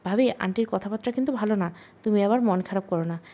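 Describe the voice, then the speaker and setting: A woman's voice: medium pitch, quick pace, dark tone, highs cut off, lightly acted. A cheeky, outspoken young sister-in-law, as a woman reads her. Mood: chatty. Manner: outspoken, chatty.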